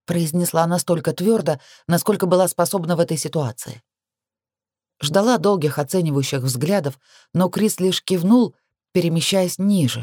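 Woman, audiobook narrator, first-person romance, soft, measured, mellow dark tone, dry close recording. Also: sits low, dry recording. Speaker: audiobook reader.

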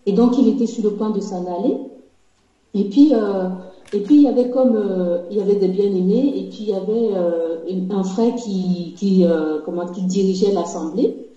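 A woman's voice: mid-range voice, moderate pace, warm tone. A woman sharing a dream during a church session, talking hesitantly with many restarts. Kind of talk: conversational testimony. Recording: very echoey, muffled recording.

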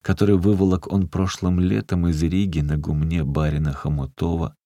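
A man reading a literary story aloud as an audiobook narrator, measured and unhurried. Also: low-pitched, flat delivery, warm tone, no echo, studio quality.

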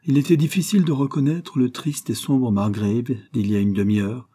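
Dark, husky male audiobook narrator. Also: medium pitch, fairly even intonation, normal speed. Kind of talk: scripted narration.

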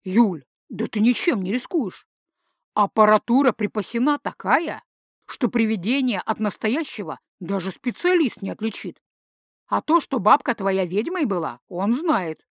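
A woman's voice: mid-range voice, big pitch swings, measured pace, dry recording, clean studio sound. A woman voicing a cheeky, pushy young male student who wheedles and persuades.

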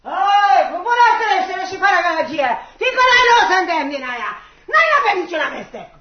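An actress playing a prim, defensive innkeeper's wife in a radio play, talking fast and fussy. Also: female voice, very high-pitched, sing-song. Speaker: mother figure, innkeeper's wife. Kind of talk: radio drama acting. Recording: dull lo-fi radio recording, echoey.

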